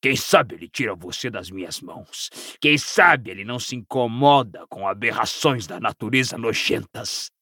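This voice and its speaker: A gravelly, tense old bully snarls and sneers through each slow, drawn-out line, as a male audiobook reader puts him on. His voice sounds sharp and strained, close and dry in a small booth. This is storybook villainy, spat out with contempt. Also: mid-range voice, expressive, no room sound, full character voice. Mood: sneering. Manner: snarling, mocking, slow and menacing. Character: coarse, hostile old pure-blood father.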